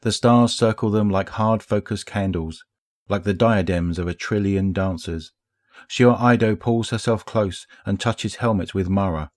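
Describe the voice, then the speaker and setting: Low-voiced man narrating game lore. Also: a little slow, darkish tone, no room sound, studio quality. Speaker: audiobook narrator.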